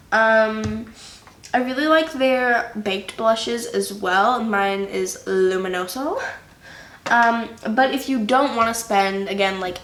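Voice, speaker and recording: A young beauty vlogger chats unhurriedly through a makeup tutorial, using lots of fillers and sounding slightly nasal from a cold. Her voice is on the high side with a fairly bright tone. The room is echoey and carries faint noise.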